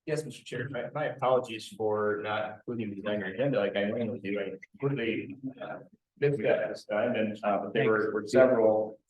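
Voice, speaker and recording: A man's voice: on the low side, a little fast, darkish tone. Hesitant male staffer in an echoey room. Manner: apologetic, hesitant, many fillers. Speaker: city staff member. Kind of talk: reporting to a public meeting. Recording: roomy, echoey meeting room.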